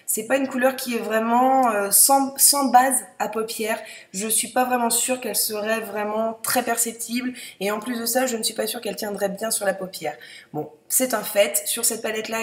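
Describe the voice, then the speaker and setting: Young woman, beauty vlogger, chatty and halting, higher voice, roomy home recording. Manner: chatty, hesitant, many fillers and repeats. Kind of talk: casual makeup swatch review. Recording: echoey room.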